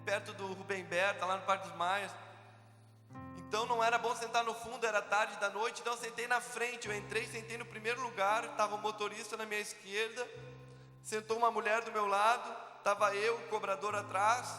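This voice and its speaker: A man's voice: high-pitched, level tone, pushed and bright. Man, preacher testimony, vivid storytelling, echoey church hall, faint music. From southern Brazil. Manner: vivid storyteller, slows for prayer quotes. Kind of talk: testimony sermon at a youth event.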